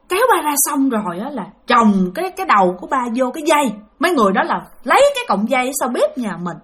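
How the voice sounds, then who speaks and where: Lively woman narrating ghost tales, high bright voice. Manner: talks to listeners directly, animated. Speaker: storyteller. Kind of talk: spiritual story narration.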